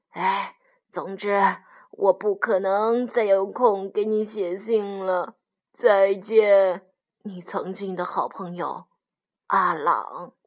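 A woman voicing a grumpy old male wolf in a storybook read-aloud, gruff and prone to stammering. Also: mid-range voice, a bit bright. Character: big grumpy old male wolf, bluffing then flustered.

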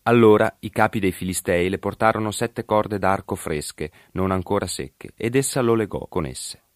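Deep voiced man reading an old bible story, slow and measured, dry close sound. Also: dry recording. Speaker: narrator. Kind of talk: scripted narration of a biblical story.

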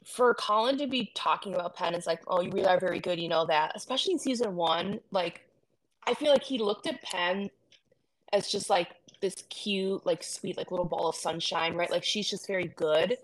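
A woman's voice: medium pitch, moderate pace, low-quality recording. A woman co-hosting a podcast, chatting casually with lots of fillers and giggles, rambling a little. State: high. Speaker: podcast co-host. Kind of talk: casual chat.

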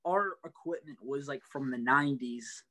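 A man's voice: mid-range voice, normal speed, bright, forceful tone. A young man, a college student, chatting as an interview guest, filling his talk with "like". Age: young adult. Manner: chatty, filler-heavy with "like". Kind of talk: casual interview chat.

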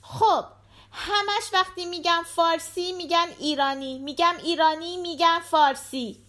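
Curious little girl rattling off questions, a woman putting it on for an audiobook, high pitched. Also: pushed and bright. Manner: chatty, questioning, quick. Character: small curious talkative girl. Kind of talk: audiobook character voice.

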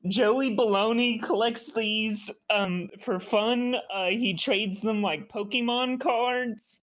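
A man's voice: high voice, fairly even intonation, takes it slowly, a bit bright. A man co-hosting a casual podcast chat, tossing in dry joking quips.

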